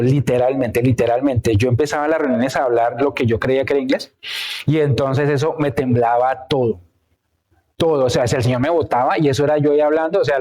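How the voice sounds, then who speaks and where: A man's voice: fairly high pitch, a little mellow. A male preacher giving a sermon in a conversational way, telling personal stories and checking in with his listeners. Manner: conversational, tells anecdotes, checks in with "¿sí?". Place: church.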